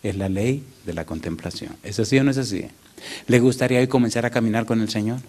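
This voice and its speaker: A man's voice: medium pitch, quick pace, darkish tone. A male pastor preaching to his congregation in a conversational style. He asks them questions directly and moves easily into telling stories. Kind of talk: sermon.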